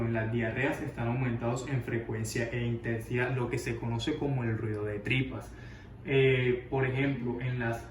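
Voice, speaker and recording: A man explaining an abdominal examination as a lesson, often pausing with fillers and restarting words. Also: mid-range voice. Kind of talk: medical demonstration lesson. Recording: roomy, distant mic with faint noise.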